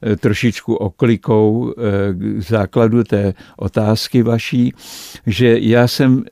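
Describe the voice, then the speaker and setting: Older guy rambling through old stage stories, warm low voice, dry close studio mic. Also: steady tone, gravelly, no echo. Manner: rambling anecdotal storyteller, frequent hesitations. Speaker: actor and entertainer guest. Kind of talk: radio interview reminiscence.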